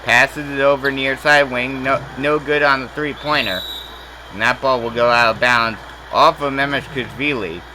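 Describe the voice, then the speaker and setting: A man with a very bright, forceful voice calls basketball play-by-play over a faint hiss of background noise. He moves briskly from possession to possession and surges louder and higher on big plays. His pitch sits mid-range for a man. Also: fairly even intonation, rough recording. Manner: rapid play calling that rises sharply on made shots. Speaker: play-by-play announcer. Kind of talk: simulated basketball play-by-play commentary.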